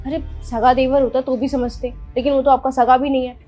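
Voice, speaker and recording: A cocky younger sister, played by a woman, boastful and quick to side with her mother, in a high voice. Faint music plays behind her. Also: little pitch movement, mellow, close to an everyday voice. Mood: siding. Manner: cocky, siding. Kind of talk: family drama acting.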